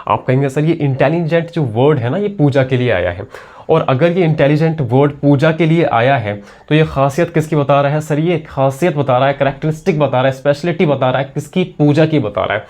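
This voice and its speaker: A man's voice: a little high, brisk, darkish tone. Man teaching grammar, patiently repetitive. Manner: repetitive, asks and answers his own questions. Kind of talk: classroom lesson explanation.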